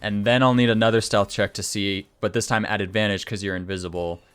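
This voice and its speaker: A man's voice: lowish voice, fairly even intonation, fast, clear, resonant tone. A man running a tabletop game as game master, explaining rules patiently and laughing easily.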